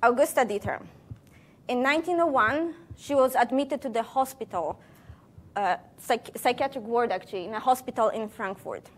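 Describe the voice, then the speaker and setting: A woman's voice: on the high side, moderate pace. A woman scientist giving a public science talk to a live audience, playful, quizzing the room and joking between facts.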